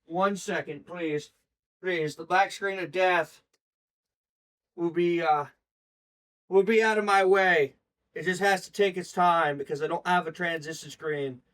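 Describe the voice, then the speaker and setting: A man's voice: high-pitched, steady tone, measured pace, pauses often, fairly bright tone. A man streaming live, reacting to a video in loose, rambling chat, swearing and talking to his viewers.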